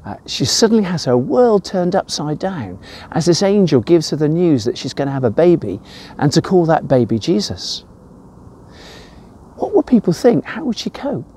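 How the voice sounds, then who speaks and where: His voice sits high, with a dark tone and a breathy edge. The older man, who has an English accent, is a church devotional presenter delivering an informal talk with emphasis and personal anecdotes.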